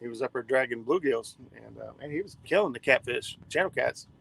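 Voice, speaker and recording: A man's voice: medium pitch, lively intonation, brisk, gravelly, a bit bright, slightly rough, poor audio. A man in his forties hosting a fishing livestream from a boat, chatting casually and reading viewer comments. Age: 40s.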